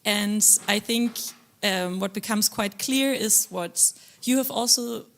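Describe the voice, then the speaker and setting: A woman researcher speaks on a panel in a measured, articulate way. Her voice has a lot of fry. Her pitch sits in an ordinary middle range. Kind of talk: panel discussion.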